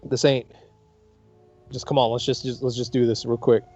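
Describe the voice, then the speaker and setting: A man's voice: medium pitch, flat delivery, normal speed, warm tone. Rattled, stammering man on a dull mic. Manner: rattled, stammering, rough-talking. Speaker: player. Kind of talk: in-character tabletop play. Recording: dull lo-fi mic, faint piano.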